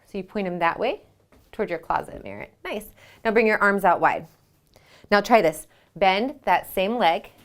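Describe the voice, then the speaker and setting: A woman leading a children's yoga storytime at home. She reads a picture book aloud and asks the kids gentle questions. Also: medium pitch, moderate pace.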